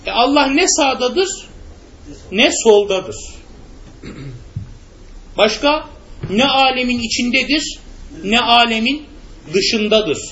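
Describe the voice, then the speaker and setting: A man's voice: very high voice, takes it slowly, pauses often, a bit bright. A man teaching a religious lesson, often asking his students questions and then answering them himself. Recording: muffled recording with faint background noise.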